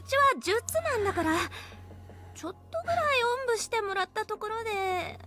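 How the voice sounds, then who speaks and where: An actress voicing a whiny girl in a game, shrill and whimpering. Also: huge pitch swings, moderate pace, bright, forceful tone, heavily acted. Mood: whining. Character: whiny girl who can't stand up.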